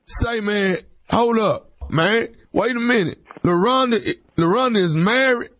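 A man's voice: high voice, measured pace, fairly bright tone, dry recording. A man putting on the voice of a male inmate calling collect on a payphone line, stammering and insistent. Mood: pleading, stunned. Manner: stammering, insistent, laughing under breath. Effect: payphone call line. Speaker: radio prank caller. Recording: dull dry phone line.

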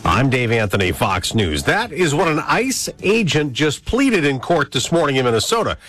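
A man anchoring a radio newscast with crisp, measured reads. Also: mid-range voice, big pitch swings, a bit bright, soft background music. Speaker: news anchor.

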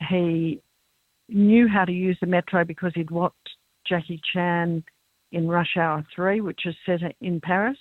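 A woman speaks in a recorded interview, telling a story in a relaxed way with small fillers. The sound is thin and tinny, as on a phone line. It is dry, with no room around it. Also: on the low side, unhurried, no room sound. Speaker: researcher interviewed.

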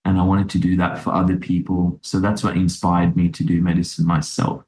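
A man's voice: low voice, completely flat delivery, brisk, a little mellow. A man in his thirties from Sri Lanka, a doctor and podcast guest, speaking reflectively in conversation. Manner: reflective, with many fillers and restarts. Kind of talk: interview conversation. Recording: roomy echo.

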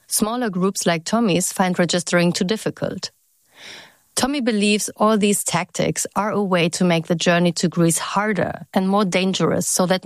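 A woman reporter giving scripted news narration in a measured, even way. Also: mid-range voice, dry recording.

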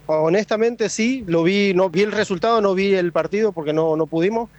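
A man from Mendoza with an Argentine accent, a fan answering candidly and a bit haltingly. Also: high voice, darkish tone, no echo. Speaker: football fan interviewed. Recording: dull lo-fi sound.

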